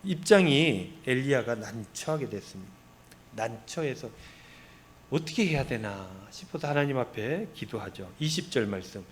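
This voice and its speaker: A man's voice: mid-range voice, normal speed, slight background noise. A male pastor preaching a sermon, retelling scripture with rhetorical questions. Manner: expressive storytelling with rhetorical questions.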